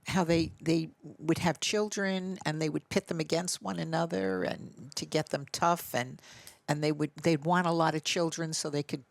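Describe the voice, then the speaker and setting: A woman from Long Island, a podcast guest, chatting in a lively, casual way. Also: low voice, normal speed, vocal fry, hardly any pauses, dry recording. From Long Island, New York.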